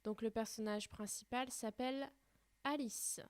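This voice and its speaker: Teacher lady talking to kids, highish voice, patient, dry close mic. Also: steady tone, no room sound. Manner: patient, explains step by step with many pauses. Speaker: primary school teacher. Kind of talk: recorded remote reading lesson.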